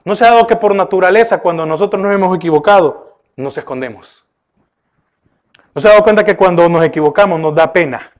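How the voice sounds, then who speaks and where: A male pastor delivering a sermon, questioning his listeners often and turning from emphatic bursts to hushed remarks. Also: high-pitched, a little fast. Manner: preaching with repeated rhetorical questions to the congregation; often addresses listeners with "oiga" and "¿verdad?".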